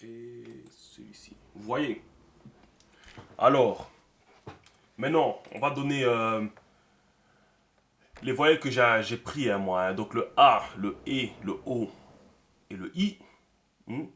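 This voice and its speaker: A man's voice: medium pitch, slow, pauses often, fairly bright tone. A man teaching a writing system in a screen-recorded tutorial, thinking aloud as he draws and dropping many fillers. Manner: talks to himself while writing, many fillers. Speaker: teacher of a script.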